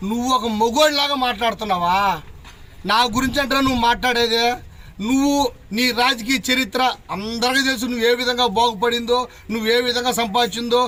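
A man who is a local elected official, furiously shouting insults and challenges at a press conference. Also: extremely high pitch, fairly even intonation, quick pace. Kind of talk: angry press conference tirade. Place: press meeting.

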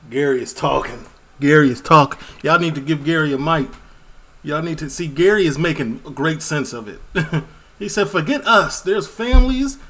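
Animated reaction streamer from Chicago. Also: male voice, a little high, a little hiss or hum. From Chicago, USA. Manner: animated, talks back at the video. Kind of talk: casual reaction commentary.

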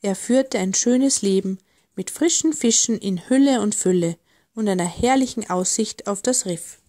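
A woman narrating a children's storybook in a gentle, expressive way. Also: mid-range voice, normal speed. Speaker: audiobook narrator.

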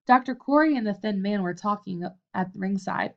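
A woman narrating a novel as an audiobook, in a steady, even storytelling manner. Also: mid-range voice, moderate pace, gravelly, lo-fi sound.

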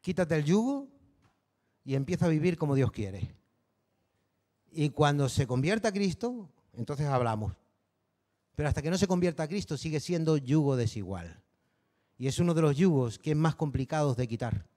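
A man with a Canary Islands accent preaching a sermon, his voice pitched high for a man. He talks to the congregation in a loose, conversational way, full of questions tossed back at them. The sound carries a long hall reverb. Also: expressive, moderate pace, long pauses, warm tone. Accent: Canary Islands Spanish. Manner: conversational preaching, peppered with rhetorical tags. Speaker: pastor.

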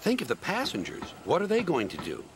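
A man voicing a kindly, principled little engine in a children's story, polite and gently firm. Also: fairly high pitch, wildly swooping pitch, fairly quick, noisy background, voice pushed up. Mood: reproving.

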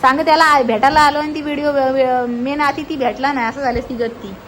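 She's a vlogger from Alibag, Maharashtra, talking fairly quickly in a steady, somewhat bright, high voice. Outdoors in a coastal fishing village, she narrates and chats casually, teasing and scolding in fun. Her handheld phone and headphones pick up a noisy outdoor recording.

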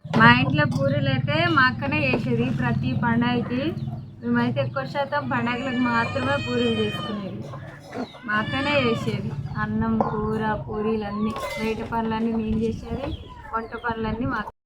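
A woman's voice: fairly high pitch, little pitch movement, moderate pace, very noisy. A woman with a Telangana accent, chatting casually in a vlog while cooking outdoors and teasing her children. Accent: Telangana Telugu. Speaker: vlogger and mother. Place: outdoors by a smoky wood fire in the sun.

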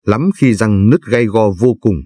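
A man voicing a gentle talking tooth that softly chants advice in verse to an old man, with a husky, low voice. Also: measured pace, dry recording, clean studio sound. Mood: pleading. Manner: soft sing-song verse chanting.

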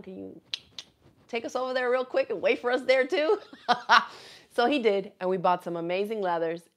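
Sitting before a fixed camera in a small craft room hung with quilts, this Miami craft channel host, a native Spanish speaker in her thirties, chats animatedly on a live stream. She speaks at medium pitch, laughs readily, and reads out viewers' comments.

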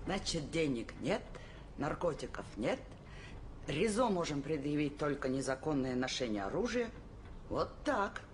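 A stern woman in police command in a film comedy. She speaks slowly and curtly, with lively swings of pitch. The soundtrack is noisy. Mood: stern, displeased. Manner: curt, commanding.

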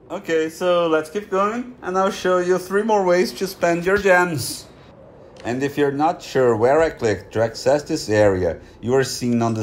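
A Brazilian gaming YouTuber whose first language is Portuguese narrates a game guide in a chatty, self-mocking way. His voice sits in the middle range with a somewhat dark tone, and his Brazilian accent comes through.

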